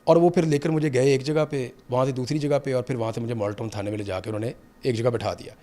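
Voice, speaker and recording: A man's voice: medium pitch, steady tone, warm tone, slight background noise. A middle-aged man telling his own story to an interviewer, earnest and vivid, his intensity rising and falling. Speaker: interview guest. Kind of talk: personal account in conversation.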